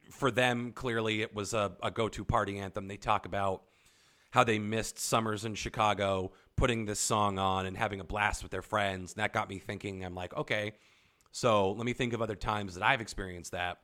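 A young man co-hosting a podcast, telling stories in animated casual chat and swearing often. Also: on the low side, normal speed. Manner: animated storytelling, frequent swearing. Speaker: podcast co-host.

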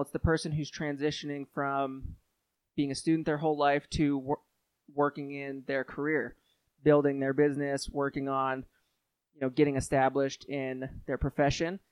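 A man's voice: a little high, smooth, no echo. Earnest male podcast host, dry close sound. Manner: earnest, thoughtful, with fillers and restarts. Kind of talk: conversational podcast intro and interview.

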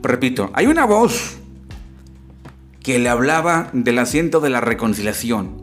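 A man's voice: medium pitch, very animated, unhurried, soft background music. A man giving a religious lecture, explaining scripture step by step and often asking his listeners rhetorical questions.

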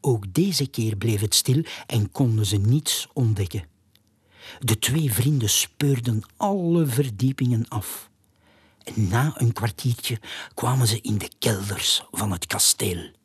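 A storyteller reading a children's storybook aloud with a breathy voice and hushed, half-whispered narration. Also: medium pitch, slow, no echo, clean studio sound.

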